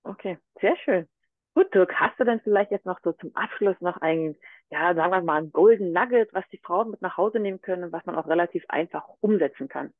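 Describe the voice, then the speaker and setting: A man with a high voice asks interview questions and hunts a little for his words. He comes through a narrow, phone-like line with a very dry sound and no room around him. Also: a little fast, no echo. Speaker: podcast host.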